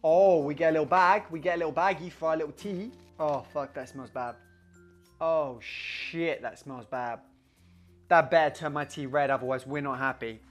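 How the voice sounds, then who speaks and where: A young man chatting casually in a home video, excitable, rambling and sweary. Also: fairly high pitch, normal speed, soft background music. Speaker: vlogger. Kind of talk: casual vlog chat.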